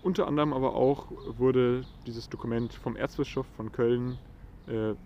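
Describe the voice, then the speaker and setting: A man's voice: medium pitch, fairly even intonation, moderate pace, mellow, muffled recording, slight background noise. A man in a casual study discussion, speaking thoughtfully, searching for words and repeating himself. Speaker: student discussing a historical document.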